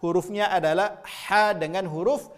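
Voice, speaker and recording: A man's voice: high voice, steady tone, moderate pace. A man teaching Arabic letter pronunciation, patiently drilling syllables aloud and repeating each sound. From Indonesia. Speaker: Quran recitation teacher.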